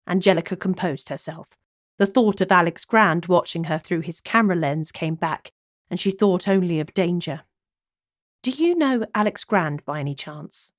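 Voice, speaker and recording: A woman's voice: lowish voice, no echo. Cozy mystery narrator, woman, close dry sound. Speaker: audiobook narrator.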